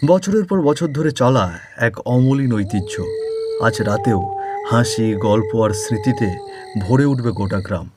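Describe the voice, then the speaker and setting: A man's voice: medium pitch, lively intonation, a little slow, noisy background. A man narrating a village folk story for a cartoon in a descriptive, atmospheric storytelling manner.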